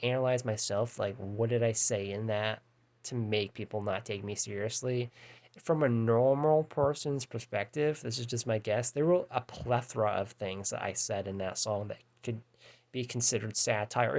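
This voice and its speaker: Gravelly-voiced man rambling hesitantly. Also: mid-range voice. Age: 30s. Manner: hesitant, full of fillers and restarts. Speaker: vlogger. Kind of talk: casual rambling monologue.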